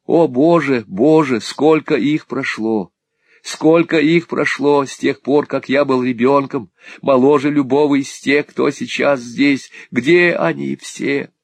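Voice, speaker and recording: A man voicing a frightened, timid young man in an audiobook, with a high, trembling, pleading voice. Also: takes it slowly, vocal fry, no room sound. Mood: anguished.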